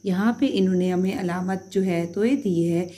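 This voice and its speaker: A woman's voice: fairly low pitch, fairly even intonation, normal speed, mellow. A woman teaching a beginners' Urdu lesson, patiently sounding out letters one at a time and checking understanding as she goes.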